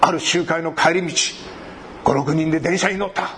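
A man's voice: on the high side, moderate pace, a bit bright, a little hiss or hum. A man preaching a sermon. He talks animatedly, cracks jokes and acts out short everyday conversations. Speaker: pastor.

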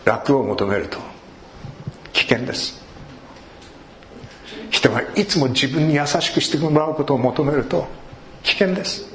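A man pastor giving an earnest sermon and prayer to a congregation, with warm asides. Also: medium pitch, lively intonation, measured pace, long pauses, slight background noise. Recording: echoey hall, faint room ambience.

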